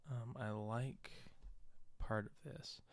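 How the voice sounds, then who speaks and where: This streamer and visual artist casually narrates his work on a livestream, musing in hesitant bits. He speaks slowly in a mid-range voice with fairly even intonation.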